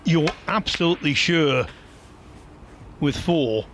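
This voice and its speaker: A man's voice: fairly high pitch, expressive, slow pace, fairly bright tone. A man giving live commentary on a snooker match. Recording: light background noise.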